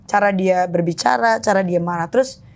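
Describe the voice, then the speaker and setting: A woman's voice: mid-range voice, normal speed, darkish tone. A woman guest on a podcast, candidly telling stories about her children and mixing in English phrases. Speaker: podcast guest, actress and mother. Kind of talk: casual podcast chat.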